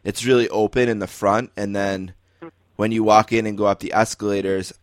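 A man with a fairly low voice hosts a laid-back sports talk show. His sound is close and dry. He talks loosely and easily, with fillers along the way. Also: fairly quick, dry recording. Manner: relaxed, conversational with fillers. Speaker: host. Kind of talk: casual sports chat.

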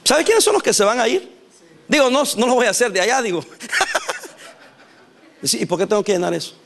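Animated high-voiced male preacher. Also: a little fast. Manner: lively, animated preaching with laughs and acted-out quotes. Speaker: pastor. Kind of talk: sermon.

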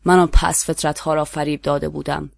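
Persian-accented story reader, mid-pitched voice, measured dramatic delivery, dead-dry booth sound. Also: flat delivery, gravelly, no echo. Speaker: narrator. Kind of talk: literary story reading.

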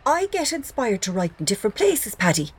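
A man's voice: high voice, huge pitch swings, a little fast, husky, voice pushed up, exaggerated voice. A man voicing his curt, dismissive wife. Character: sharp-tongued middle-aged wife, travel planner.

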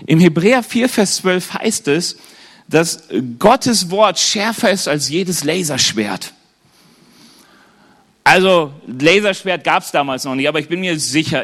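A man with a notably high voice preaches to a congregation. He keeps the tone conversational, often checks in with his listeners through questions, and adds light humorous asides. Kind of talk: sermon to a live congregation.

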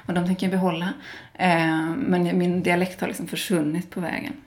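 A woman's voice: lowish voice, level tone. A woman from Sweden, a guest in a casual interview, talking at length with many fillers and restarts.

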